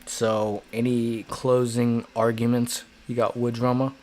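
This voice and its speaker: A man's voice: mid-range voice, level tone, unhurried, darkish tone. A man hosting a casual livestream chat, rambling and joking at his own expense. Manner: rambling, joking, self-deprecating. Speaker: livestream host.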